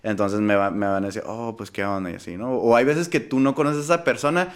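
A man's voice: lowish voice, quick pace, clear, resonant tone. Slangy Mexican man telling stories. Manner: animated storytelling with slang; acts out quoted voices. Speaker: guest musician. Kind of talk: casual conversation.

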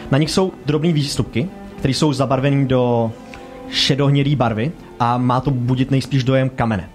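A man narrating as game master, describing scenes in a halting way with fillers. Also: medium pitch, steady tone, a little mellow, faint music behind.

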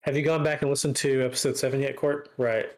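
The host of a casual gaming stream talks at a quick pace in a mid-range, slightly mellow voice with little pitch movement. His chat meanders, full of fillers, and he keeps correcting himself and starting over.

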